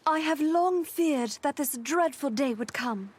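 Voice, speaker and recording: An actress playing an earnest, reserved young woman, polite, formal and a little hesitant, in animated period drama. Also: high-pitched, measured pace. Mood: flustered.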